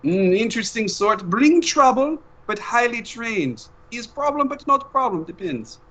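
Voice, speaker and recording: A doting old spy papa. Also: male voice, very high voice, big pitch swings, a little slow, pushed and bright, pitched above the performer's own voice, full character voice. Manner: broken-English, fond, bossy. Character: doting older male spy father with an accent.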